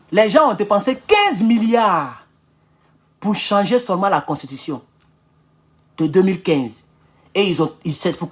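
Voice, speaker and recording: A man from Ivory Coast with an Ivorian French accent, giving an animated, casual political monologue at home, repeating phrases and chuckling often. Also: sits high, slightly rough. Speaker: political commentator. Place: at home in his kitchen.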